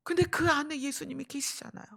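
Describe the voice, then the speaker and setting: A woman pastor preaching a sermon, swinging between raised emphasis and hushed whispers. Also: high voice, steady tone, fast talker, creaky.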